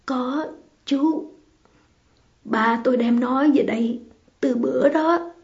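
A woman's voice: high voice, fairly even intonation, unhurried, dark tone, pitched above the performer's own voice. A woman reading the part of a young mother speaking in a choked, tearful voice. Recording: slightly muffled, faint music behind.

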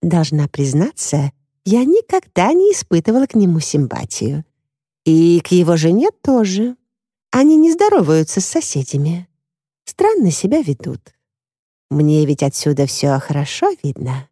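Nosy gossipy neighbour lady, read by a woman, confiding tone, low dark voice. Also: big pitch swings, normal speed, husky, no room sound, studio quality.

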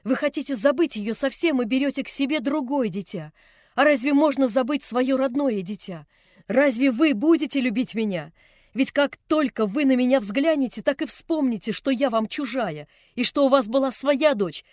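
A woman reading an audiobook, voicing a distraught young girl who shouts defiantly through tears. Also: normal speed, no echo, studio quality, natural voice. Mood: furious tearful. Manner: shrill, tearful, defiant outbursts.

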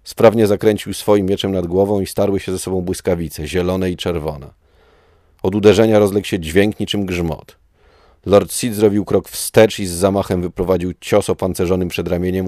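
Male narrator, very deep voice, dry close sound, dramatic steady reading. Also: normal speed, no room sound.

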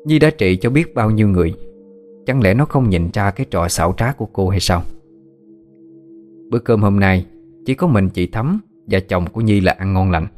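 A man, telling a ghost story in a steady, even way. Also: on the low side.

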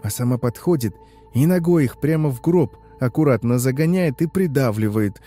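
A man's voice: medium pitch, animated, normal speed, dark tone, soft background music. A man in the role of a taxi driver, telling a horror story in a conversational, confiding way. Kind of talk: scripted horror narration.

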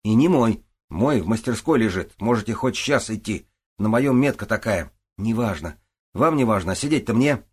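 A man's voice: fairly low pitch, lively intonation, normal speed, husky, pitched above the performer's own voice. A man voicing a sarcastic, touchy young man in a hospital, grumbling and biting. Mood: excited.

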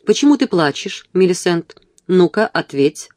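In an audiobook, a rough drunken gentleman, put on by the reader, bellows and curses at everyone around him. The voice is bullying and coarse, recorded dry and close. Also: medium pitch, sing-song, unhurried, no echo.

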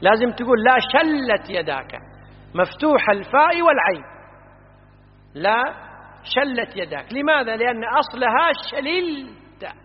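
A man's voice: very high voice, sing-song, moderate pace, long pauses. A man teaches classical grammar, stopping often to quiz his listeners and stress each vowel. The recording is dull and lo-fi, with long reverb from a lecture hall. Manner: explanatory, quizzing students, stresses vowel patterns.

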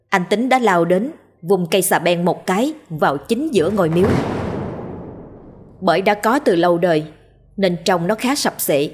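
Husky low-voiced woman narrating a ghost story. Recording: faint background music.

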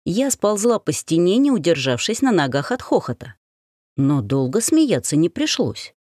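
Expressive woman narrating, low and lively. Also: normal speed, no room sound, studio quality. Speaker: audiobook narrator. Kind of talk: scripted first-person narration.

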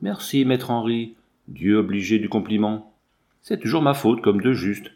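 A man's voice: on the low side, measured pace, a little mellow, natural voice. A man doing a sly, sarcastic gamekeeper. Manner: sarcastic, fawning. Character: sly, ugly, mean-spirited young gamekeeper.

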